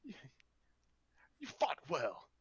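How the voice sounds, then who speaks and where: A man voicing a stern veteran warrior innkeeper who speaks in a measured, approving way. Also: a little high, huge pitch swings, muffled recording, background noise, voice pushed up, exaggerated voice.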